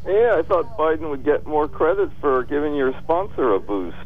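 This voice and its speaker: A man calling into a radio talk show, speaking casually in a halting, hesitant way. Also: a little high, big pitch swings. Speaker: caller. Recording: muffled phone call with vehicle noise.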